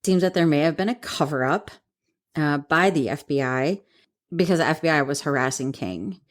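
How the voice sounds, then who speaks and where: Woman podcaster, low voice, giggly and rambly, just chatting. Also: normal speed. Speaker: podcast co-host. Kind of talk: casual chat.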